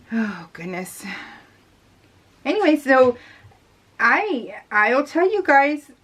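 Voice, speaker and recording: Recorded as voice-over while she crafts, a middle-aged American craft blogger giggles and rambles through personal anecdotes, performing the conversations she recalls. Her voice sits high and a bit bright, sing-song with drawn-out words, over slight background noise.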